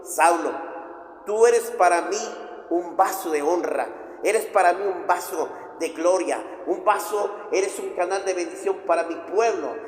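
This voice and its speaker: A preacher voicing a solemn, commanding Jesus. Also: male voice, sits high, unhurried. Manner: solemn, pleading repetitions. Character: Jesus, a grave and commanding man speaking to a persecutor. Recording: echoey hall with long reverb.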